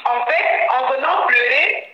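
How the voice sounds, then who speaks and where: A woman calling in to a live stream, heard over a phone on speakerphone, halting and repeating herself over a bad connection. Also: high-pitched, animated, echoey room, dull audio, very noisy. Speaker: caller.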